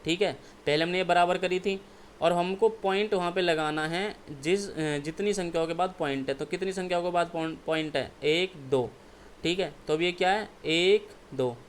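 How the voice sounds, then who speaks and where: A man from India teaches maths in a high voice at a moderate pace, working exam problems one step at a time. He keeps questioning and answering himself and repeats "ठीक है" as an okay check-in. The recording carries a little hiss or hum.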